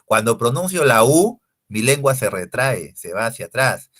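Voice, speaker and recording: A man's voice: medium pitch, sing-song, moderate pace, fairly bright tone. A man voicing a curious young female student who keeps questioning her teacher, puzzled and insistent. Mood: eager.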